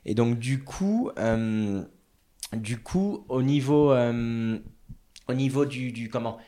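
Hesitant male interviewer, mid pitch. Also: slow pace, dark tone. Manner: hesitant, searching for words, many fillers. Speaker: business interviewer, host. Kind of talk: interview questions.

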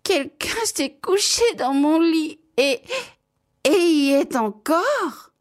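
A woman voicing a tiny baby bear with a high, piping voice close to tears, in a storybook reading. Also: animated, slow pace. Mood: alarmed.

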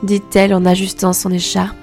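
A woman telling a fairy tale in calm, expressive scripted narration. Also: medium pitch, moderate pace, faint music behind. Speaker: storyteller.

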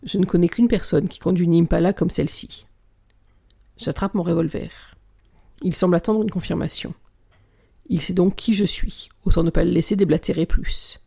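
A reader narrating a novel aloud at a measured pace, sometimes sinking into a whisper. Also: mid-range voice, vocal fry, dark tone, husky. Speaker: audiobook reader.

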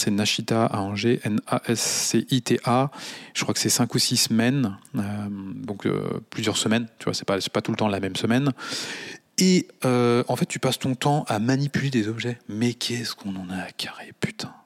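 Low-voiced guy ranting on his podcast, blunt and sweary, talking into a mic in his kitchen. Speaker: podcast host. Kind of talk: casual podcast monologue. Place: home kitchen, standing.

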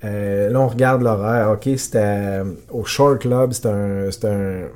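A man with a Quebec French accent co-hosting a podcast, telling a story in casual, animated chat, with stammered restarts and English words mixed in. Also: fairly low pitch, unhurried. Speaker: podcast co-host.

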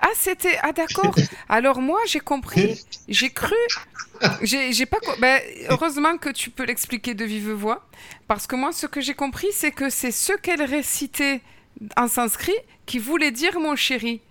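A woman's voice: high voice, animated, normal speed, sharp tone, no room sound. A woman interviewing a guest, attentive and reflective, thinking aloud as she rephrases what she heard. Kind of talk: conversational interview.

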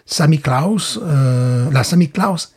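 A man's voice: a little high, lively intonation, slow pace, husky. A man co-hosting a casual beer-tasting chat, hesitant and repeating words, slipping in dry wordplay. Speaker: podcast co-host, beer taster.

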